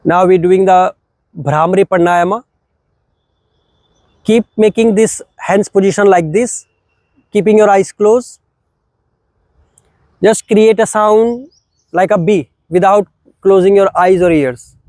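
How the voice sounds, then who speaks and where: Slow, calm man guiding breathing. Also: high-pitched, no room sound. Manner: slow, calm, short phrases with long pauses. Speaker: yoga teacher. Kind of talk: guided breathing meditation.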